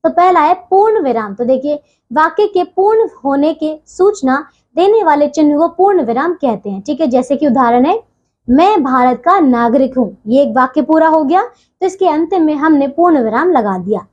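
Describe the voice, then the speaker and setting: High-voiced woman teaching children Hindi grammar. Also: expressive, darkish tone, muffled recording. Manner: patient, keeps asking "theek hai bachchon?"; leaves deliberate pauses between phrases. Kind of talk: classroom lesson for children.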